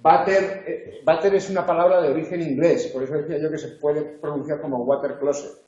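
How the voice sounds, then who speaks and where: A man's voice: on the high side, steady tone, a little fast, a little mellow. Man explaining exam answers, echoey room. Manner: methodical, checks understanding with frequent "¿de acuerdo?". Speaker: university tutor. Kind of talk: lecture correcting exam answers. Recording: echoey, dull lo-fi classroom recording.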